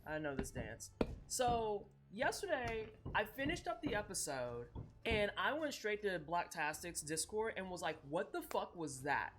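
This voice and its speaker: A woman streaming while she bakes, telling stories in a profane, animated, chatty way. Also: medium pitch, measured pace, slight background noise. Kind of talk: casual live-stream chat while baking. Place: home kitchen.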